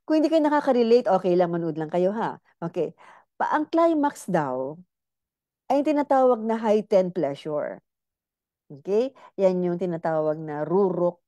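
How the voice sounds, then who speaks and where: A woman's voice: on the low side, mellow, no room sound. A middle-aged woman doctor giving a casual, playful health lecture, teasing her listeners and speaking to them directly.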